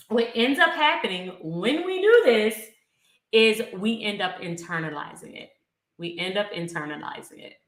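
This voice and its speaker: A woman's voice: a little high, a bit bright, reverberant, poor audio. A woman leading a casual bible study, talking conversationally and repeating key phrases for emphasis.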